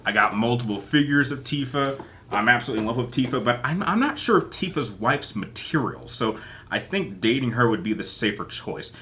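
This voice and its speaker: A man's voice: mid-range voice, expressive, fairly quick, a bit bright, slight background noise. A man hosting a casual solo chat as he plays kiss-marry-kill, rambling and hesitant and often repeating his words. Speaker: host.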